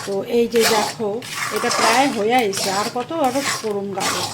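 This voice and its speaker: A woman's voice: on the high side, steady tone, normal speed, heavy background noise. A woman with an East Bengali Bangal accent chatting homely to viewers while cooking in her home kitchen. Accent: Bangal East Bengali dialect. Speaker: cooking vlogger. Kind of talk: casual cooking demonstration. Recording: loud kitchen clatter of pots and stirring.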